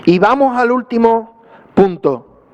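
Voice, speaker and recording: High-voiced pastor preaching lively. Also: male voice, slow, muffled recording. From Spain. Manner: lively, conversational preaching with tag questions and acted-out asides. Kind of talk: sermon.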